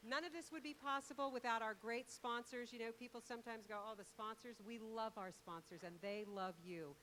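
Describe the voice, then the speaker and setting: A woman's voice: on the high side, brisk, a bit bright, a little hiss or hum. A middle-aged woman, a radio host, emceeing from an outdoor concert stage into a handheld mic, chatty and full of thank-yous.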